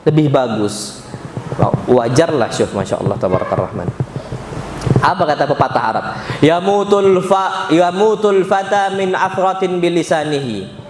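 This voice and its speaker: A man with an Indonesian accent delivers a sermon, his voice sitting high and bright for a man. He talks with animation, throws rhetorical questions at the listeners and mixes in Arabic phrases. The sound rings through a large, echoey mosque hall with faint ambience underneath. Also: a little hiss or hum. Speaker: preacher. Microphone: handheld or stand mic in a hall.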